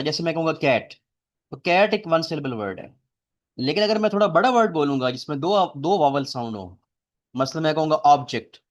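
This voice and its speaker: A man lecturing a classroom, explaining things step by step and quizzing his students. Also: a little high. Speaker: teacher.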